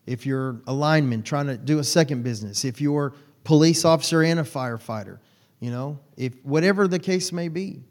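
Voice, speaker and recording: Here the pastor's medium-pitched voice has a slightly mellow quality. His sermon feels like a casual conversation, full of folksy teasing aimed at churchgoers by name.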